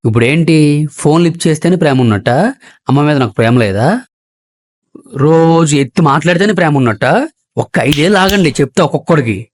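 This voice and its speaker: An actor playing an ambitious young aspiring film director, eager and defensive, in a short film. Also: male voice, a little high, animated, brisk, pauses often, dry recording, studio quality. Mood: defiant. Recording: film audio with background music.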